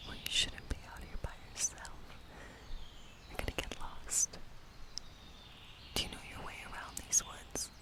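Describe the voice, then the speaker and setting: The clip is an ASMR role play set in fantasy, with a woman whispering as a lonely witch of a woodland cottage who is playful and friendly. Her manner is breathy and coaxing, gentle, unhurried and soothing.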